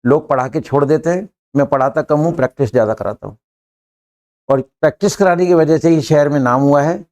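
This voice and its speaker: Older man, classroom English teacher, slightly high voice, brisk, jokey, drills his students fast. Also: darkish tone. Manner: brisk, joking, urging students to answer fast.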